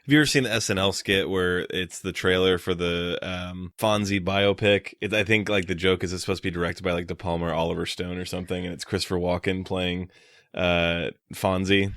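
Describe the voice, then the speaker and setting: A young adult man co-hosting a podcast, recapping movie scenes in a relaxed, joking way. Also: low voice, a little fast, no echo, studio quality. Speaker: podcast co-host. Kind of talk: casual film discussion.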